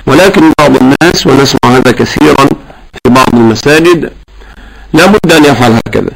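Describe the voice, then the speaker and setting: A man teaching correct Quran recitation, explaining patiently and chanting verses slowly to demonstrate. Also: mid-range voice, gravelly, noisy background.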